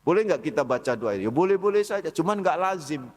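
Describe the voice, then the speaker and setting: Preacher in a reverberant hall. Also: male voice, a little high, expressive, fast talker. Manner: conversational, addresses listeners as "Pak" and "saudara" often. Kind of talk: mosque dawn study lecture. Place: large mosque hall.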